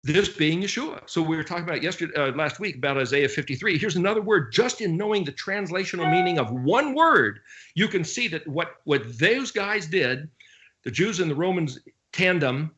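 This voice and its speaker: Brief: male Bible teacher, a touch high-pitched, casual study-talk delivery, sarcastic asides, spells out Hebrew letters slowly. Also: dull audio. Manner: animated, with sarcastic asides and sudden jumps in pitch.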